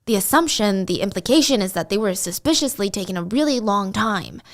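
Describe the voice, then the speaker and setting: A woman's voice: mid-range voice, lively intonation, brisk. A woman telling a story in a casual, chatty way, with asides and rhetorical questions. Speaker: commentary host. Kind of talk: casual storytelling while drawing.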